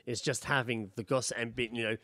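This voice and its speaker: A British man co-hosts a podcast in a medium-pitched voice, casual and laddish, blunt and quick to curse as he swings between banter and reading stories aloud. His tone stays steady, pushed and bright. The recording is very dry with no room sound.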